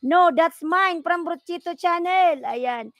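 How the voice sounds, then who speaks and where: A hoarse woman chatting and laughing on a live stream, shouting out viewers by name and breaking off to sing a few lines. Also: very high-pitched, takes it slowly, dry recording. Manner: giggly, self-conscious, greets viewers by name. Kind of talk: casual live-stream chat with sung lines.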